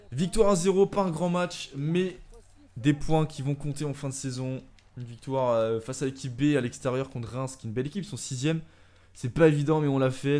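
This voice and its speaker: A young man gives let's-play commentary over his own soccer game in a mid-range, ordinary voice. He muses calmly through menus and team choices, then bursts into loud, excited shouts whenever a chance comes close. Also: mid-range voice.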